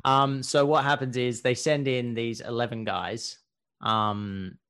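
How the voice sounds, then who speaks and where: A man co-hosting a podcast, telling a war story in casual chat, animated and laughing often, with casual swearing. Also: mid-range voice, takes it slowly, clear, resonant tone. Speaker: podcast co-host telling history stories.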